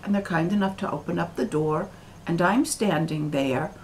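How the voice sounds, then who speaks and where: An American woman talking to camera in a slow, deliberate monologue, full of pauses and fillers. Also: fairly low pitch, a little hiss or hum, rough recording. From United States. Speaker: video commentator.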